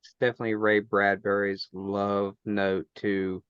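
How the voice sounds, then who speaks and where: Flat, smooth-voiced man summing up. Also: lowish voice, measured pace, no room sound, muffled recording. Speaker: podcast panelist. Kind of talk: casual book discussion.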